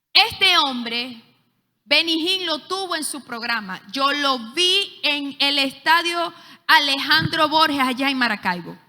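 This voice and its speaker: High-voiced woman teaching in a hall. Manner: lively storyteller, frequent hesitations. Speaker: leadership school teacher. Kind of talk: church teaching with storytelling. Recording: echoey hall.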